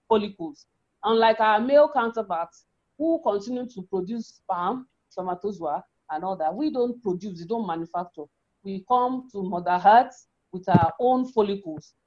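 A woman's voice: medium pitch, a little mellow. Dull lo-fi recording of a woman explaining. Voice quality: feminine voice. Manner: repeats and rephrases as she explains. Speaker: women's health educator. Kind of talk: explanatory health talk with a visual model. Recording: dull, lo-fi sound.

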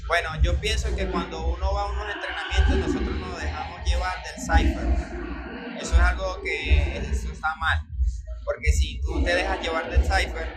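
A young man with a Venezuelan Spanish accent, a breakdancer telling his story in a casual interview, earnest and animated. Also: sits high, normal speed, poor audio. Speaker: breakdancer guest. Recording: loud music underneath.

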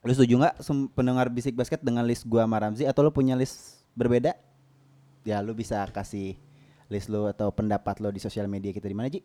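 A man's voice: medium pitch, steady tone, brisk, dark tone. A man co-hosting a podcast in casual, joking banter. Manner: joking, banter-heavy, mixes English phrases. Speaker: podcast co-host. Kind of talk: casual chat.

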